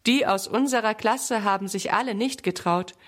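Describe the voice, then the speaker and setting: A woman voicing a proud, hurried schoolgirl rider in a children's story. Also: medium pitch, a bit bright, natural voice. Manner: proud, chatty.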